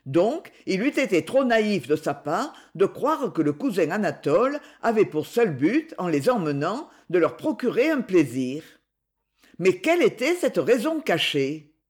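A woman reading a novel aloud as an audiobook narrator, in a measured, expressive storytelling style. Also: medium pitch. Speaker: audiobook reader.

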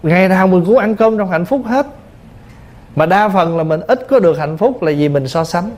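A man's voice: high-pitched, lively intonation, moderate pace, a little mellow. A male Buddhist monk teacher giving a dharma talk, explaining patiently through simple everyday examples. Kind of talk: dharma talk answering questions.

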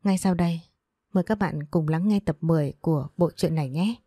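A woman narrating a serialized audiobook story in an even, measured reading. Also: deep voice.

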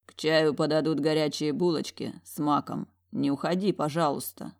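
Woman reading a dragon general guy, calm, bossy, kinda low voice. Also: moderate pace, creaky. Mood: stern. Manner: stern, calm, commanding. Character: powerful male dragon general, stern and commanding.

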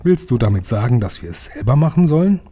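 A man voicing a clever young boy who has been turned into a mouse, talking eagerly in quick questions. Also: medium pitch, big pitch swings, dark tone, slightly rough. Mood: questioning.

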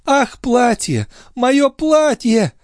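A man voicing an excitable, dramatic highborn countess in an audiobook. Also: normal speed, no room sound, clean studio sound. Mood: distraught. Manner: exclaiming, theatrical.

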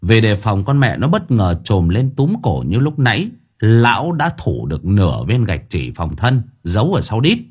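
A man's voice: lowish voice, normal speed, slightly rough. A man narrating an audiobook in an earthy, colloquial way. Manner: earthy, lively, slangy.

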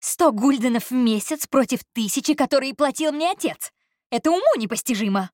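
A woman reading an audiobook, voicing a spoiled, indignant young heiress who raises her voice high and strained. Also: sing-song, brisk, dry recording, studio quality. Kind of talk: audiobook character voice.

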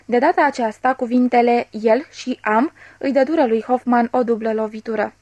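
A woman reading a classic novel aloud as an audiobook narrator, measured and expressive, voicing the dialogue. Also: on the high side, dry recording. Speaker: audiobook reader.

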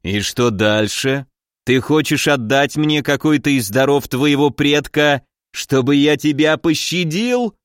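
A man voicing an arrogant, powerful middle-aged prince and mage who talks slowly and gruffly, commanding and irritable. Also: a little high, dry recording, clean studio sound, lightly acted. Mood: haughty.

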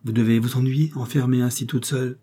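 A man voicing a shy, kind young woman who asks timid, gentle questions in a storybook reading. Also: mid-range voice, fairly even intonation, fast talker, slightly rough, natural voice.

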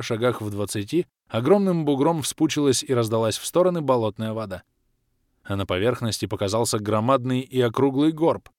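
A man narrating an audiobook in the first person, lively and emotive in his storytelling. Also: medium pitch, dry recording, clean studio sound.

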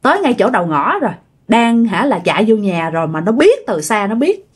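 A woman's voice: a little high, sing-song, fairly quick, slightly rough. A woman telling a ghost story in a chatty way, talking straight to her listeners. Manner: chatty, addresses listeners directly.

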